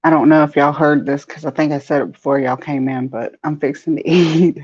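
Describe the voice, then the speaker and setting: A woman with a Southern US accent chats with viewers on her crochet live stream and laughs often. Her voice is husky and a little breathy. It comes through dull, lo-fi live-stream audio. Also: deep voice, steady tone, fairly quick, darkish tone. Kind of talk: casual chat reading viewer comments.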